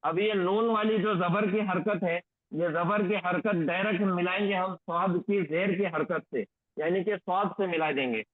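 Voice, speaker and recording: High-voiced man teaching over a tinny line. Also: no echo. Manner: slow, repetitive drilling of recitation phrases. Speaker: Quranic Arabic grammar teacher. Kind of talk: online lesson, explaining and drilling recitation. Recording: tinny phone-like lo-fi audio, dry.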